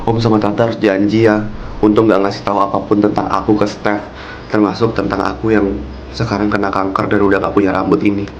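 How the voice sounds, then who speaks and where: A man voicing a gentle, self-sacrificing young woman who is ill, speaking softly and apologetically. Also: fairly low pitch, little pitch movement, a little fast, lo-fi sound, a little hiss or hum, natural voice. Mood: pleading.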